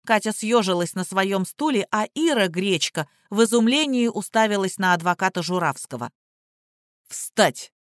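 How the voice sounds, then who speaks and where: A reader narrating a crime story in steady, even storytelling. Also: mid-range voice, normal speed, few pauses, dry recording, studio quality. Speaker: audiobook narrator. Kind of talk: scripted narration.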